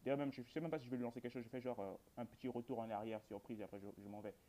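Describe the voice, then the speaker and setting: A mellow, medium-pitched male voice races along with fairly even intonation. The speaker, a gamer making a video, gives casual horror game commentary, rambling to viewers in colloquial speech and joking dryly.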